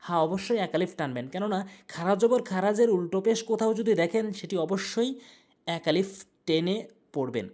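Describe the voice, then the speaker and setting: A woman leads a recitation lesson, singing each verse slowly with long drawn-out syllables. Between verses she explains how each sound should be said and repeats words patiently to correct them. Her voice sits at an ordinary middle pitch. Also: lively intonation, a little mellow. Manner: alternates slow drawn-out chanted recitation with explanation. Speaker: Quran recitation teacher.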